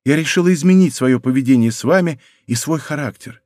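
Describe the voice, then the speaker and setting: Brief: male reader doing a proud young princess for an audiobook; quiet, composed, mid-pitched, close and dry. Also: no room sound, close to an everyday voice. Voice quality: soft, hushed. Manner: calm, deliberate and quietly firm. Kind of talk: audiobook character voice.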